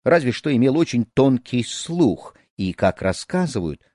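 A man's voice: medium pitch, unhurried, no echo, clean studio sound. A man narrating a folk tale, telling it expressively to listeners. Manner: expressive, animated storyteller.

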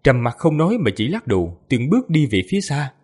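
A male audiobook narrator reads in a slightly husky, mid-range voice that rises and falls a great deal. He tells the story a little fast, steadily and expressively.

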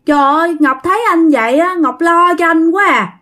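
A woman's voice: very high-pitched, moderate pace, pushed and bright, pitched above the performer's own voice. A woman voicing a sweet little girl who pleads tenderly and anxiously. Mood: pleading.

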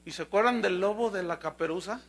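A man preaching a sermon as pastor, telling a fable with animated storytelling. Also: high voice, fast.

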